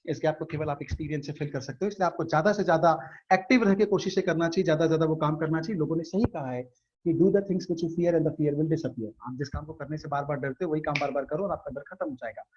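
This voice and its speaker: A man with a fairly high, husky voice leads an online motivational workshop. He speaks earnestly and keeps checking in with his listeners. The video-call audio sounds dull and muffled. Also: fast talker, a little mellow. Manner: earnest, coaching, asks rhetorical questions. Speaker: motivational trainer.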